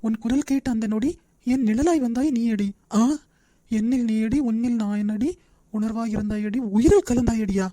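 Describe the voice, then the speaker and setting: A woman voicing a cheeky teenage younger brother in a cartoon, mocking and needling fast. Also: on the high side, steady tone, dark tone, close to an everyday voice. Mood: teasing.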